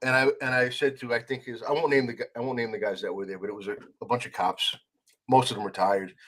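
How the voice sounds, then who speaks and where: A man speaks at a rapid clip, rattling through a story about a confrontation. He talks bluntly and swears freely, in a loose, conversational way. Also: medium pitch. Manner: fast, animated, swearing, retelling a confrontation. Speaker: podcast guest.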